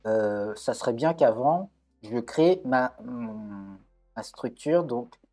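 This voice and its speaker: Faint music plays behind a man giving a live-coding tutorial, thinking aloud at his computer and frequently hesitating or correcting himself. He's a coding streamer whose mid-range voice is mellow and animated yet slow.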